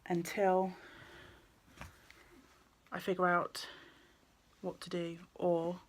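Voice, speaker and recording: Woman, low-ish voice, casual vlogger; rambling, lots of ums and restarts. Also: completely flat delivery, drawn-out words. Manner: rambling, with many ums and self-corrections. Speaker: knitting vlogger and yarn shop owner. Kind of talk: casual chatty vlog.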